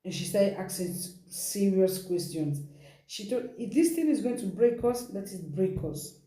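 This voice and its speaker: A woman's voice: mid-range voice, lively intonation, normal speed, warm tone. A woman with a Nigerian accent telling a dramatic story as a host, emphatic and repeating phrases for effect. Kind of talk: dramatic storytelling, retelling someone's account. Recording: echoey room.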